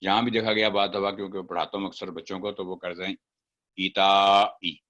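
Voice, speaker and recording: A man's voice: sits low, steady tone, quick pace, a bit bright, highs cut off. A man teaching Quran recitation, chanting example words syllable by syllable and then explaining the rules. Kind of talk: step-by-step recitation lesson.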